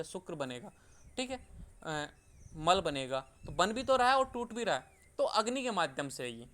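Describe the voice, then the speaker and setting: A man's voice: sits high, fairly bright tone, smooth. A man from India giving an online class lecture, explaining step by step and repeating key terms with simple glosses. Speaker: online tutor.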